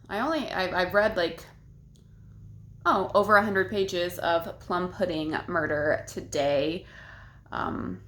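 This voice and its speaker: Young woman vlogger, lowish voice, rambling casual diary talk from home. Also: fairly bright tone. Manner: chatty, many fillers like "like" and "um". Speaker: book vlogger.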